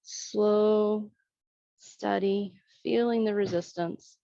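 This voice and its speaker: A woman instructor giving serene, soothing tai chi cues, gently guiding movement and breath in an unhurried way. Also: medium pitch, steady tone, vocal fry, dry recording, highs cut off.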